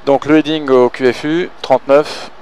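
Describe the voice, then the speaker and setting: A man's voice: medium pitch, steady tone, normal speed, a little mellow, rough recording. A man working as a pilot, calling out checklists and casually coaching, often thinking aloud between clipped callouts. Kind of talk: cockpit callouts and casual instruction.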